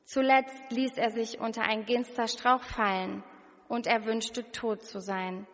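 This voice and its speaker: Slow, earnest woman preaching. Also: on the high side, fairly even intonation, in a large hall. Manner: slow, earnest, questioning the listener directly. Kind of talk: sermon with scripture reading.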